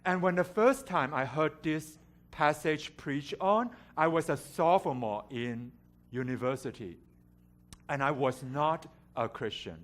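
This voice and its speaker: In a church sanctuary, a guest preacher raised in Hong Kong tells personal stories in a sermon, candid and self-deprecating with light humor. His voice sits on the high side and he speaks at a measured pace.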